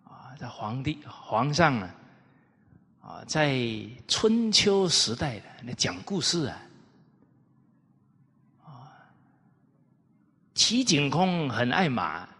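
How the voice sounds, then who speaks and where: A man lecturing on the classics, telling historical anecdotes in an animated way and putting rhetorical questions to his listeners. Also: mid-range voice, slow pace, pauses often, breathy edge. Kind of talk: storytelling lecture. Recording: reverberant hall.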